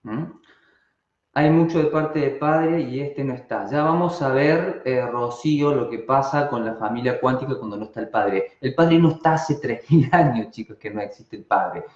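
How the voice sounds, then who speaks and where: An Argentine man teaching a live online class, full of rhetorical questions that he answers himself. His voice sits at a medium pitch and comes through a slightly dull, roomy video-call recording. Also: moderate pace. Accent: Argentine Spanish. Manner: animated, asks rhetorical questions and answers them.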